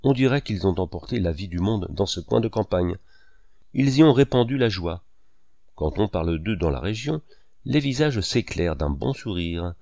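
A man's voice: sits low, lively intonation, moderate pace, warm tone, dry recording. A man reading aloud, voicing a proud young writer who speaks with sarcasm and bitterness. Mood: bitter.

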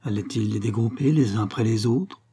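A man narrates a crime story as an audiobook, steady and measured. His voice is dark and mellow with a husky grain. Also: lowish voice.

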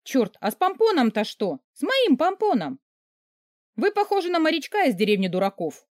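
A woman voicing a flustered young woman who pleads, teases and squeaks at a grumpy man. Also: wildly swooping pitch, normal speed, no room sound, studio quality. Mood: mocking.

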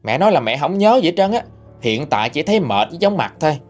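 A man's voice: a little high, sing-song, fast, faint music behind. A man narrating a ghost story in a conversational retelling.

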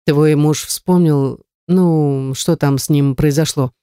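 A cold, scheming kidnapper man from an audiobook, low and curt with every threat, as the reader puts him on. The voice is warm and dark in tone, recorded close and dry with no room around it. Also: fairly even intonation, slow, clear, resonant tone, dry recording, lightly acted. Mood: probing. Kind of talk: audiobook character reading.

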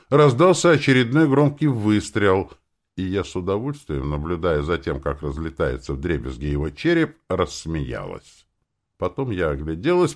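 A man narrating a dark first-person story in an expressive dramatic reading. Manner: expressive, with lively pitch swings.

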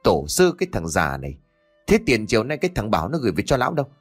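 A man's voice: lowish voice, huge pitch swings, fast, music in the background. A man voicing a vicious daughter-in-law who shrieks and hurls abuse. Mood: shrieking fury. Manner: shrieking, abusive.

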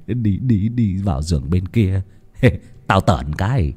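A man's voice: low-pitched, expressive, slow, warm tone, slightly rough, exaggerated voice. A man playing a stammering, mocking son-in-law. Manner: stammering, mocking, laughing between words.

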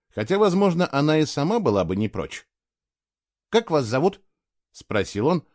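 Male narrator, expressive, dry close recording. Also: mid-range voice, no room sound. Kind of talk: audiobook narration.

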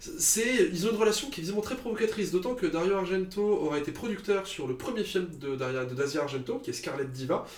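A man's voice: high-pitched, animated, fast, hardly any pauses. Chatty opinionated man in an echoey room. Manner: opinionated, chatty, with frequent fillers. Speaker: podcast co-host. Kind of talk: casual film chat.

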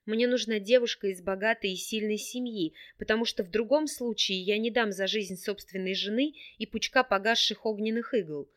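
A woman's voice: mid-range voice, normal speed, few pauses, natural voice. Lady reading as a snappy proud young nobleman, clipped and impatient.

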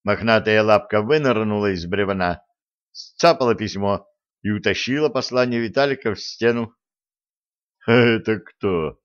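A man narrating a fantasy audiobook in an even, unhurried storytelling manner, on a dull lo-fi recording. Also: lowish voice.

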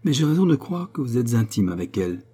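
A stiff, flustered captain answering in short, formal replies, as the narrator of an audiobook plays him. His voice is mellow and slightly husky, close to the reader's own. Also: medium pitch, sing-song, fast.

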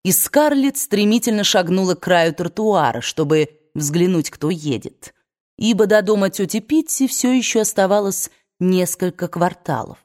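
An audiobook narrator, a woman with a fairly low voice, reads a novel aloud. Her scripted narration is measured and expressive.

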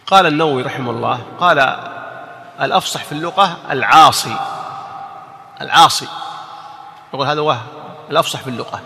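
A man teaching a religious lesson with a somewhat high, bright and forceful voice. He repeats key words and tosses questions back to his listeners as he explains. His voice rings with a long hall reverb. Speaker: sheikh teaching hadith.

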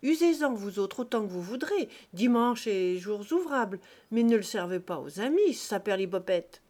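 A woman voicing a domineering, boastful man who mocks and declaims loudly in a read-aloud story. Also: a little high, unhurried. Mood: indignant. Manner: loud, exclamatory and mocking.

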